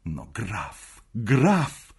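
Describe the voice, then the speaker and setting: A man's voice: lowish voice, wildly swooping pitch, extremely slow, vocal fry, slightly rough, exaggerated voice. A man playing a desperate, pleading young suitor in an audiobook reading, speaking with raised passion. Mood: bitter.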